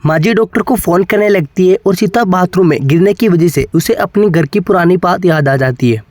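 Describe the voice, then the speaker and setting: A man narrating a cartoon moral story in a plain, even manner. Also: high-pitched, a little fast, dry recording, studio quality.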